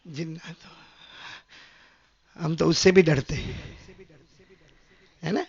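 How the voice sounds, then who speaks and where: A man from Gujarat, preaching an animated, humorous sermon and questioning his listeners, in a dull lo-fi recording. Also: a little high, creaky, slightly rough. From Gujarat, India. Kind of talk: sermon with anecdotes.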